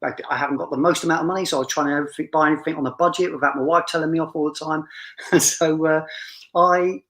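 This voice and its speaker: A man's voice: fairly high pitch, steady tone, racing, fairly bright tone, rough recording. Chatty man hosting an interview. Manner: friendly, chatty, stumbling restarts. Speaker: host. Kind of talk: casual interview chat.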